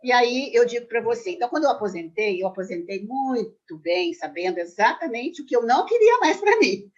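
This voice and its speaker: Retired numerologist guest in her sixties, rapid and emphatic, muffled lo-fi video-call sound. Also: fairly high pitch. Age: 60s. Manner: animated storyteller, quick and emphatic. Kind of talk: casual chat on a video call.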